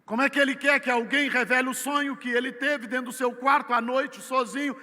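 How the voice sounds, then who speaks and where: A Brazilian man with a Brazilian Portuguese accent preaching a sermon, swinging from loud emphatic peaks to low, quiet asides. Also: fairly even intonation, a little fast. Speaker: missionary preacher. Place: church. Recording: church hall with long reverb.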